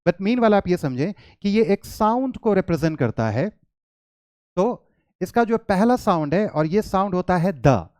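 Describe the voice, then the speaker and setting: A man's voice: high-pitched, animated, unhurried, a little mellow, dry recording, clean studio sound. A man teaching English to children in a patient lesson, mixing Hindi with English words and answering his own questions. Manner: patient, repeats questions and answers them himself.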